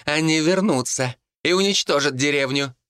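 A man's voice: a little high, moderate pace, fairly bright tone, clean tone, dry recording, studio quality, voice pushed up, lightly acted. A man voicing a scheming, ranting male monk who shrieks threats and then turns sugary.

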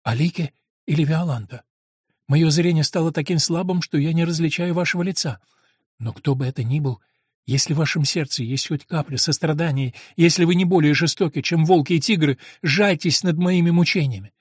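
A man's voice: on the high side, brisk, breathy edge, dry recording, clean studio sound. A man voicing a starving, chained woman prisoner who pleads in breathless exclamations. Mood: desperate.

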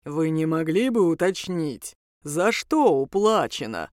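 A woman voicing a polite, insistent male crossroads demon in a spoken story, talking slowly and courteously. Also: deep voice, big pitch swings, a little mellow, no echo, clean studio sound, pitched below the performer's own voice, exaggerated voice.

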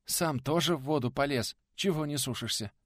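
A man's voice: on the high side, normal speed, a bit bright, no room sound, clean studio sound, voice pushed up. A man voicing a stubborn, grumpy elderly teacher with curt replies. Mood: grumbling.

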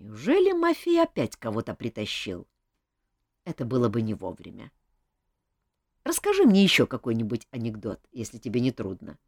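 Gruff bossy king, read by a woman. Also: rumbling low, dry recording, studio quality, voice pushed down, exaggerated voice. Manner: gruff, commanding, grumbling.

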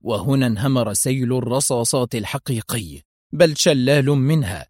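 A man narrating an audio spy novel in a measured, dramatic storytelling style. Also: mid-range voice, expressive, a little mellow, dry recording, clean studio sound.

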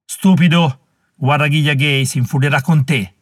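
A man's voice: mid-range voice, little pitch movement, fairly quick, fairly bright tone, no echo, clean studio sound, close to an everyday voice. A man reading an audiobook voices a proud male Mohawk warrior who argues scornfully and insistently.

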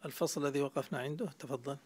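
A man's voice: mid-range voice, steady tone, racing, darkish tone, husky. A man teaching Arabic grammar in a classroom lecture, explaining step by step and quizzing his students.

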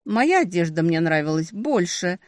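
A woman voicing a fiery, indignant young demoness in an audiobook, pitched higher and louder than her narration. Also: sing-song, normal speed, no room sound, clean studio sound. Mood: defiant. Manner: indignant, shouting accusations.

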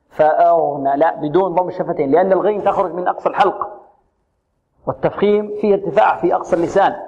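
A man leads a tajweed lesson in a fairly high voice, drawing words out slowly and repeating them as models. He corrects his students often. The recording sounds dull and lo-fi. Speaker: Quran recitation teacher. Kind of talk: tajweed lesson with drilled recitation.

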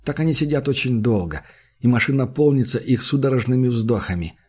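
A man reading a literary novel aloud in a measured, intense manner. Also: medium pitch, lively intonation, dark tone, slightly rough. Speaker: audiobook narrator. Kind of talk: scripted literary narration.

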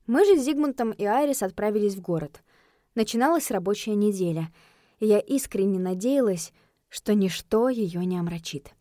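A woman reading a first-person fantasy novel aloud, lively and expressive. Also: mid-range voice, normal speed, dry recording, clean studio sound. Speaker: audiobook narrator.

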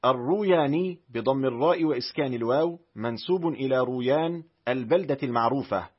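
A man reads a classical reference book aloud at a measured, careful pace. He spells out vowels and letters one by one. His voice is husky, mid-pitched and even, and the recording sounds dull and lo-fi. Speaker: audiobook reader. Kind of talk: reading a classical Arabic reference text aloud.

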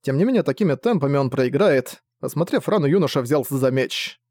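A man reading a novel aloud as narrator, in a steady, measured way. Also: medium pitch, no echo, clean studio sound.

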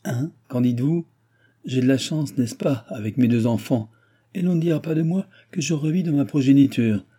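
A man voicing a grumbling old aristocratic baron who blusters and mocks, with loud outbursts, in an audiobook. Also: mid-range voice, moderate pace, husky, pitched above the performer's own voice, lightly acted. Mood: blustering. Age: older. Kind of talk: audiobook character voice.

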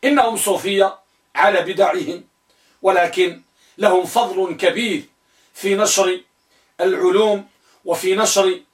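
High-voiced man teaching grammar in a roomy hall. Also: fairly even intonation, far from the mic. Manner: spells out word forms slowly and repeats them; asks the students questions and answers them himself. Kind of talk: classroom lesson on grammar.

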